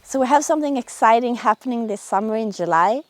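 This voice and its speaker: A woman's voice: on the high side, expressive, fast talker. A woman hosting a vlog, talking casually and directly to her viewers. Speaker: sailing and boat-building vlogger, host.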